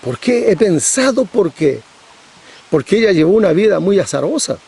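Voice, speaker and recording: A man's voice: sits high, big pitch swings, moderate pace, vocal fry, darkish tone, husky. A middle-aged man preaching a sermon, pressing his points with repetition and rhetorical questions.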